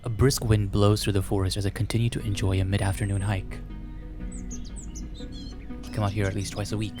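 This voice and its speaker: A man with a lowish voice and flat, brisk delivery hosts a visual novel playthrough, reading the text aloud. His casual remarks are wry and self-deprecating, he often clears his slightly scratchy throat, and background music plays throughout.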